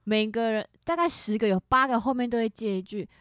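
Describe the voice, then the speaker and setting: A woman's voice: on the high side, brisk, no echo, studio quality. A young woman from Changhua, Taiwan, with a Taiwanese Mandarin accent, telling stories in casual chat as a podcast co-host. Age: young adult. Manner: animated storyteller, acts out quoted voices.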